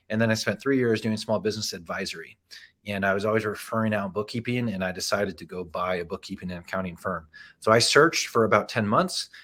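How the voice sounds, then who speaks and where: Low-voiced man giving a casual business talk. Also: bright, forceful tone. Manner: casual, frequent "right?" and "um" asides. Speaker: presenter and accounting firm owner. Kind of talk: conversational educational presentation.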